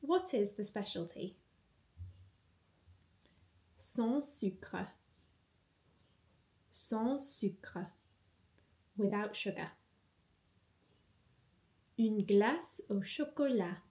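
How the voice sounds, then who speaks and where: A woman teaching a phrase-by-phrase language lesson, saying each phrase twice in a deliberate way before translating it. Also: medium pitch, expressive, dark tone.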